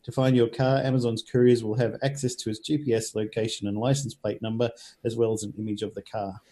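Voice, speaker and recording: A man's voice: fairly low pitch, level tone, quick pace, dark tone. A man with an Australian accent presenting tech news, reading items out and explaining them.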